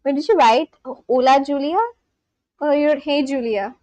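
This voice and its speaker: An Indian-accented woman from India runs a live stream, talking directly and casually to her chat and laughing frequently. She speaks unhurriedly in a high, slightly mellow voice, and there is no echo.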